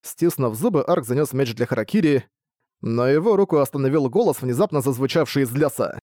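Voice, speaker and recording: A man narrating a fantasy audiobook with expressive storytelling. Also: medium pitch, brisk, no echo, studio quality.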